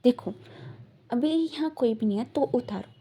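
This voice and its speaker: A woman's voice: on the high side, moderate pace, dark tone, a little hiss or hum, natural voice. A woman voicing a worried young pregnant wife who insists and scolds in a retold fan story. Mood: insistent.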